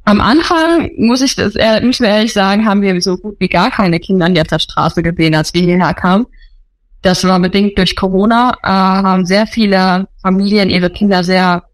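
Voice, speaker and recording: A woman in her thirties gives earnest interview answers as a missionary, pausing often with fillers. Her voice has an ordinary pitch, and the recording is dry and close. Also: no room sound.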